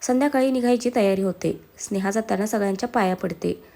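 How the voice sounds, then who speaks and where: Woman storyteller, story narration, mid-pitch, voices all characters. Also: fast, gravelly, mellow. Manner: reads all characters herself.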